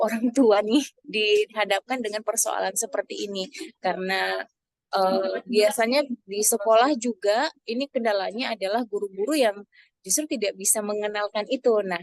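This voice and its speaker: A woman's voice: mid-range voice, dry recording. A woman asking a question in an online talk, hesitant and searching for words. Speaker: audience member asking a question. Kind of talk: casual online Q&A.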